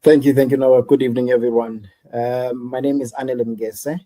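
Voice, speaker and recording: A man's voice: mid-range voice, little pitch movement, brisk, warm tone. A man based in South Africa introduces himself politely on a video call.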